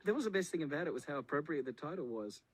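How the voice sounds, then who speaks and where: A man's voice: on the high side, animated, rapid-fire, breathy edge, poor audio. A man recording a joking film commentary, full of sarcastic, mock-insulting banter. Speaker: filmmaker on a commentary track.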